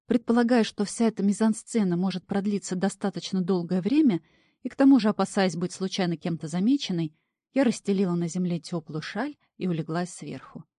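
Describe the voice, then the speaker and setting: A woman narrating a fantasy story in the first person, animated and playful. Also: medium pitch, fairly quick, no room sound, clean studio sound. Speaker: audiobook narrator.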